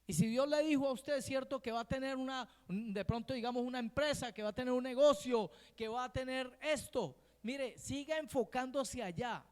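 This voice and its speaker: A man's voice: very high voice, moderate pace, few pauses, a little mellow, clear, resonant tone, big-room sound. A man preaching a sermon as pastor, often checking in with the congregation with short questions. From Colombia. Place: church hall.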